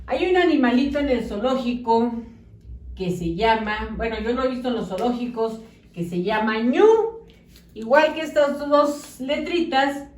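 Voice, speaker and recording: A woman teaching children a phonics lesson, sounding out syllables slowly and clearly. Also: a little high, recorded from a distance. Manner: slow, exaggerated sounding-out of syllables. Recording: echoey room, voice off-mic.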